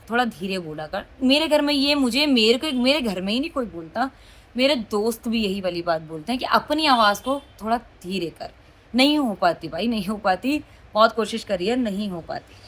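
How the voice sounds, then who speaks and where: A young woman speaks straight to her camera in a casual confessional vlog. Her voice is loud and a little high, and her delivery is outspoken and emotional. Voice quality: loud, forceful voice. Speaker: vlogger.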